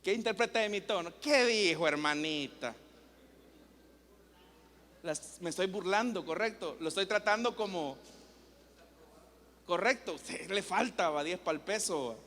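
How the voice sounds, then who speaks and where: A man's voice: sits high, normal speed, fairly bright tone. A man preaching as pastor, teaching and asking his congregation questions. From El Salvador. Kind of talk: sermon. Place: church hall. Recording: long church reverb.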